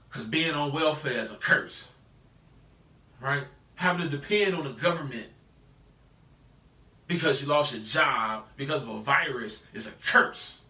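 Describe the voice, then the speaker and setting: A medium-pitched American man teaches a live Bible study at a measured pace, leaving long pauses. Casual and slangy yet animated, he peppers his talk with "right?" for his listeners. The sound is roomy, with a distant mic.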